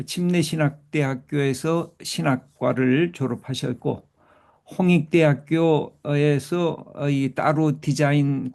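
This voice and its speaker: A man moderating an online book talk on a video call, speaking with many drawn-out fillers and pauses. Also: medium pitch, vocal fry, warm tone.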